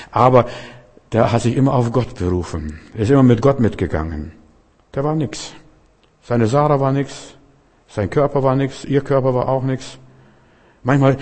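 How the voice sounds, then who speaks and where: A man's voice: fairly low pitch, darkish tone. A middle-aged man preaching a sermon, emphatic and conversational, telling stories with colloquial asides. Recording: long reverb in a hall.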